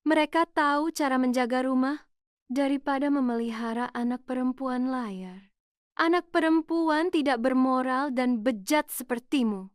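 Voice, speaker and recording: A woman's voice: on the high side, a little slow, long pauses, dry recording, studio quality, lightly acted. A woman voicing a furious aging father who scolds his daughter in a raised, accusing voice. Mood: bitter. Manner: shouting, accusing, indignant.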